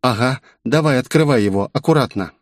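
A man voicing a young, anxious female AI assistant in an audiobook, with a brisk, eager way of reporting. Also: medium pitch, no echo, studio quality, voice pushed up, lightly acted. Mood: urgent. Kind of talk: audiobook character voice.

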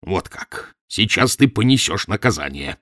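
A man voicing a gruff, domineering professor who grumbles and mocks in a low, booming voice, in an audiobook. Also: very animated, measured pace, a bit bright, no room sound, studio quality, heavily acted. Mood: gruff mocking. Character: gruff domineering mocking middle-aged professor. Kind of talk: audiobook character voice.

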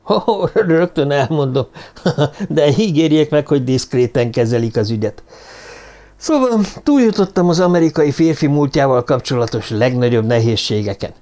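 A man's voice: mid-range voice, sing-song, dark tone, natural voice. A man voicing a boastful, jovial male police inspector in an audiobook reading, telling his story with eager self-satisfaction.

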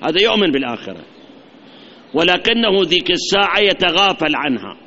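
A man with an Iraqi Arabic accent preaching a sermon in a high, bright, forceful voice. He speaks emphatically, stacking up lists and turning to his listeners directly. The recording is dull and lo-fi. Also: very animated, brisk.

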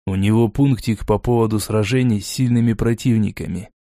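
A man doing a low, calm, cunning envoy. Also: a little fast, no room sound, clean studio sound, lightly acted. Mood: lecturing. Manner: low, quiet and insinuating.

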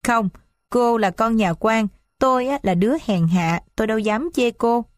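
A woman's voice: fairly high pitch, moderate pace, no room sound, studio quality, lightly acted. A woman voicing a humble, principled poor young man in a read-aloud story, speaking earnestly and formally. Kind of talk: audiobook character reading.

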